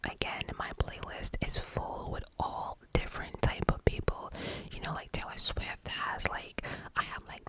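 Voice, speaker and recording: An ASMR host speaking in a breathy cupped-hand whisper very close to the microphone, answering questions in an informal, rambling way. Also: rough recording.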